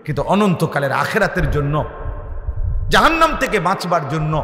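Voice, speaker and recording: A man preaching a waz sermon, impassioned and rising to loud chanted peaks. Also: high voice, a little fast, slight background noise. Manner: calmer, stern when addressing the audience. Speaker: Islamic preacher. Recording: echoey hall with long reverb.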